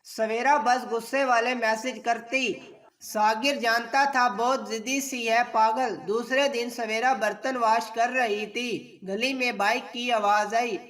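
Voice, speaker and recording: A woman narrating an emotional story in a steady, measured way. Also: on the high side. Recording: distant mic.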